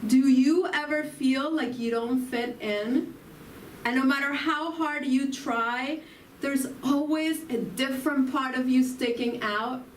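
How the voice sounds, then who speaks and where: Speaking slowly and reflectively in an echoey hall, an Argentine woman with an Argentine Spanish accent gives a spiritual talk in the style of an inspirational sermon, asking her audience questions. Her voice is high, captured from far off with faint ambience and a little hiss or hum.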